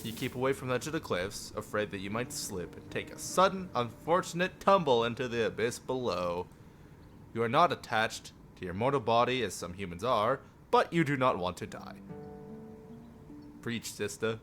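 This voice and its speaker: Speaking at a normal speed, this man has a medium-pitched, somewhat bright voice and an animated delivery. Over background music, he reads a visual novel aloud for his livestream, joking and occasionally tripping on the words.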